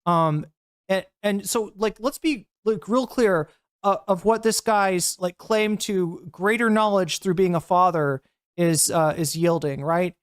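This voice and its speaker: A woman's voice: lowish voice, unhurried, no room sound, studio quality. A woman streamer reacting to clips and talking to her chat, blunt and heated, with frequent swearing. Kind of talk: casual livestream commentary.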